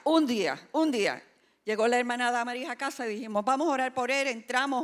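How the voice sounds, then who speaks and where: A woman preaching a sermon, telling a personal story with quoted voices, dropping to hushed tones and rising to emphatic passages. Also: a little high. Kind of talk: sermon testimony.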